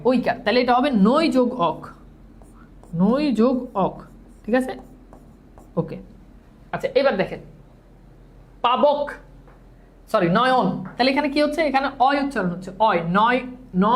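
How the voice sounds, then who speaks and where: A woman teaching grammar in a classroom lecture, leading students in call-and-repeat drills, mixing English words into her speech, and correcting herself patiently. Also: sits high.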